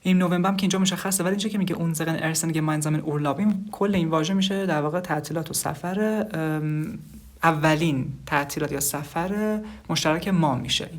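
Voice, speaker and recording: A language teacher giving a casual online lesson, reading short phrases aloud and then explaining each one at length while talking to the students as "kids". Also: mid-range voice. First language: Persian.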